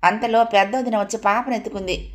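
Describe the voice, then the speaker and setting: A woman's voice: medium pitch, steady tone, fairly quick, close to an everyday voice. A woman doing an anxious, caring young daughter. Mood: worried. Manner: worried, questioning.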